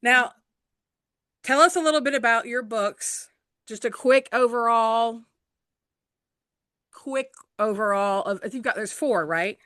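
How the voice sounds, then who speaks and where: A woman's voice: fairly high pitch, unhurried, long pauses, dry recording. A woman hosting an interview show on a video call, friendly and chatty as she talks with her guest. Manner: warm, chatty, laughs easily. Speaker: interview host. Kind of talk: casual interview talk.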